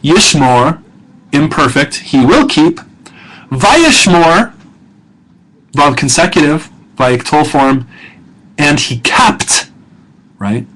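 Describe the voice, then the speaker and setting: A man's voice: fairly high pitch, lively intonation, takes it slowly, pauses often, a bit bright, low-quality recording. A middle-aged male professor talking students through a grammar lesson, casual and self-correcting, with many fillers and check-ins. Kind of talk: recorded lesson narration.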